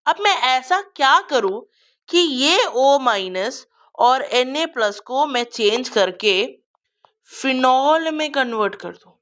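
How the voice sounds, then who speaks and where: A woman's voice: sits high, expressive, slow, a bit bright. A young woman teaching chemistry in a lecture, repeating each step and quizzing her students as she goes. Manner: repeats steps and quizzes students, calls them beta. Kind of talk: Hindi-English classroom lecture.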